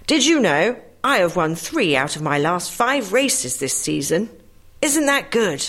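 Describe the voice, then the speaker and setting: A boastful racehorse brags in a spoken joke putting it on. The voice sits somewhat low for a woman but climbs high in places, lively and pleased with itself. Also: measured pace, heavily acted. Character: proud boastful male racehorse.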